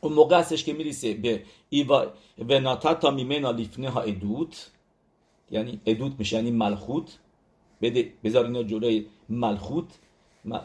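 A man's voice: mid-range voice, a little mellow. A man giving a religious lesson, speaking emphatically, repeating key words and checking in with his listeners. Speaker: religious teacher. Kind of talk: religious lesson on letter numerology.

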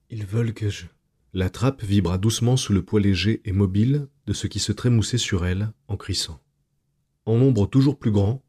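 A man narrating a strange short story aloud in a slow, hushed, measured way. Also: fairly low pitch, husky. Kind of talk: scripted narration of night tales.

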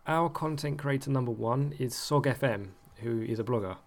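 A man's voice: mid-range voice, normal speed. A man co-hosting a podcast, talking casually with lots of ums and easy laughs. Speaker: podcast co-host. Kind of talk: casual chat.

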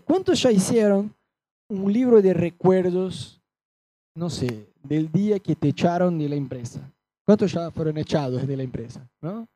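A man's voice: high-pitched, dry recording. A man preaching a sermon with a Rioplatense Spanish accent, telling stories and acting out the voices of the people in them. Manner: animated storytelling, acting out quoted voices.

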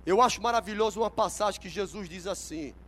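A man preaching a sermon at a church service. He is emphatic, swinging from hushed asides to shouted exclamations. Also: high voice, fast talker, poor audio.

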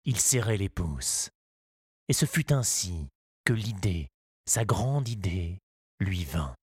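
A man narrating a children's story in a measured, expressive reading. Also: low-pitched, husky, no echo, studio quality.

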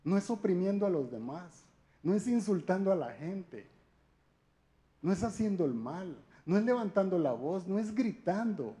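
A man's voice: high-pitched, very animated, normal speed, mellow. A man giving a conversational sermon talk, speaking directly to his listeners with frequent rhetorical questions. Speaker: church speaker.

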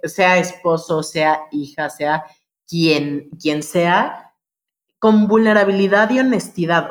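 Animated Mexican woman telling stories. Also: mid-range voice. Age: adult mother. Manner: animated, storytelling, keeps swearing it's true. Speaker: guest. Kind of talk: casual podcast conversation.

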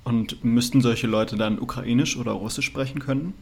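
Male podcast host, earnest, mid-pitched, noticeably gravelly. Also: steady tone, moderate pace, darkish tone. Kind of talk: scripted intro then interview.

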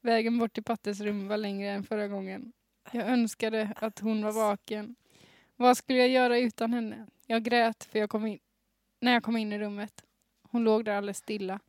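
A podcast host, a young adult woman, reads aloud a story from her teenage years while stifling giggles. Medium in pitch and darkish in tone, her voice comes through dry and clean via a studio mic with headphones.

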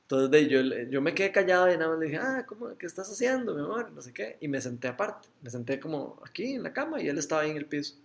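A man's voice: fairly high pitch, lively intonation, fast, creaky, few pauses. A middle-aged Costa Rican man, a father, telling a faith story in casual chat with many restarts. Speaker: father sharing a testimony.

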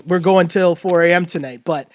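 Excited man hosting a podcast. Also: sits high, normal speed, no room sound, clean studio sound. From Canada. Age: 30s. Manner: animated, talks with filler "like" and laughs. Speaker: podcast host. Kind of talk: casual sports podcast chat.

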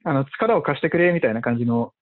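A man working as a venture investor, chatting casually with lots of fillers and animated retellings. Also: medium pitch, fast talker. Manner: animated, many fillers, acts out quotes. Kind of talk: casual podcast conversation. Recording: tinny phone-like audio.

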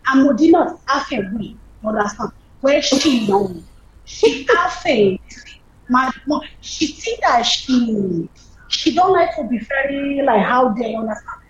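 A woman chatting casually as an interview guest, halting often and filling gaps with "you know" and "uh" while she looks for words. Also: high-pitched, lively intonation, lo-fi sound. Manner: halting, searching for words with many fillers. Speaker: guest, character performer.

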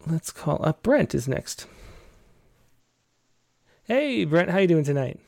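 Man with creaky voice, hosting casually. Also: a little high, big pitch swings, slow pace, a little mellow, no echo. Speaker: host of online poetry show. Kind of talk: casual hosting and poem reading.

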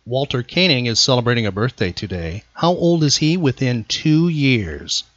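A podcast host and quizmaster runs a casual trivia quiz, teasing his contestant and speaking emphatically. His medium-pitched, fairly bright voice swings widely in pitch at a moderate pace. The sound is close, dry and slightly dull, with no room sound.

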